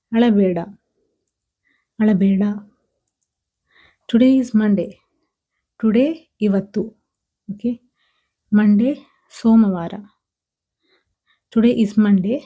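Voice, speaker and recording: A woman teaching a language lesson, saying each phrase twice, slowly and patiently. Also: medium pitch, dark tone. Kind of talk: slow, repetitive language lesson.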